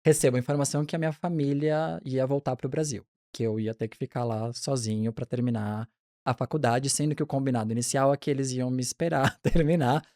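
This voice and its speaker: Mellow-voiced man telling his story. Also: medium pitch, fairly quick, no room sound, clean studio sound. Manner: relaxed, chatty, frequent restarts and small laughs. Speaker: pediatric neonatologist guest. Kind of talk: casual interview storytelling.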